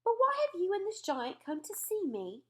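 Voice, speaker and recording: A woman voicing an astonished, imperious queen in a storybook read-aloud, moving between hushed murmurs and sharp commands. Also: extremely high pitch, wildly swooping pitch, moderate pace, voice pushed up, heavily acted. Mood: composed, curious. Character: queen, poised, imperious, astonished older royal lady.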